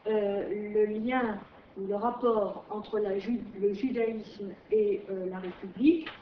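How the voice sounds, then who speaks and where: Middle-aged woman, visiting historian, slow hesitant lecture with plenty of fillers, heard from far off in an echoey room. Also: mid-range voice, fairly even intonation, slight background noise. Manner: hesitant, many fillers and restarts. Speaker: visiting historian giving a conference talk. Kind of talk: academic lecture. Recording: distant, roomy, dull lecture-hall recording.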